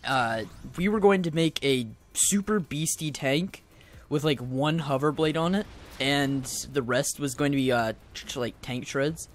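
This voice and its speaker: A young man giving casual, rambling let's-play commentary, excitable and full of goofy asides. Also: on the high side, a little slow, slight background noise. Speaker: gaming video host.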